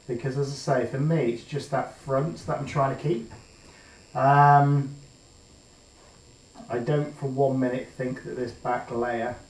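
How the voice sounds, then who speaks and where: A man working through a resin pour, chatting casually with frequent ums and thinking aloud, in a plain even voice he calls monotone. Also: mid-range voice, a little hiss or hum. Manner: chatty, hesitant with frequent ums, changes his mind aloud. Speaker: resin artist demonstrating a pour. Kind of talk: casual tutorial talk while working. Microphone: built-in camera mic, his usual mic out of action. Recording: echoey room, voice picked up from a distance.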